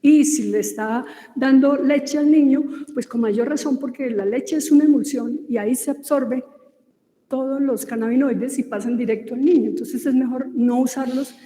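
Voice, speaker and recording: A woman's voice: sits high, normal speed, warm tone. A woman with a Colombian Spanish accent giving an informal lecture, talking conversationally with many fillers and restarts. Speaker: lecturer on cosmetic ingredients. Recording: echoey room with long reverb.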